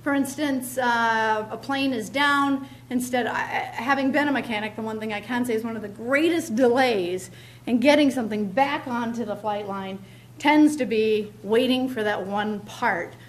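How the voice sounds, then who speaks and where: Standing at the podium of a big lecture hall, a middle-aged keynote speaker talks at a moderate pace in a fairly high voice. She stresses points by repeating key words and uses frequent ums, and is captured through a podium mic filmed from far back.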